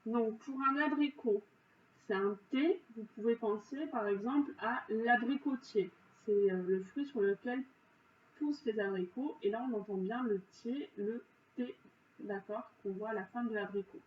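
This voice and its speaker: Slow, careful woman teacher, echoey room. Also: on the high side. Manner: slow, careful, patient explanations with frequent "donc" and "euh". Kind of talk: correcting spelling exercises for pupils. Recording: dull, roomy, distant, faint hiss.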